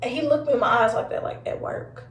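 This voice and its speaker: High-voiced chatty young woman, roomy echo. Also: very fast, distant mic. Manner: animated and chatty, addresses viewers as y'all, laughs often. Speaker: vlogger. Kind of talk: casual storytime chat.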